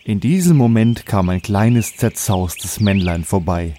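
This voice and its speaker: A man narrating a comic fairy tale in calm scripted storytelling. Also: fairly low pitch, measured pace.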